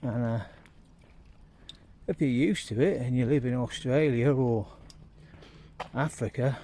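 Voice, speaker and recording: A man's voice: medium pitch, a little slow, mellow. A British man from the UK, out of breath, thinking aloud in a rambling, casual walking vlog recorded outdoors on a phone. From United Kingdom. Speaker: vlogger. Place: outdoors on a street. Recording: street traffic noise.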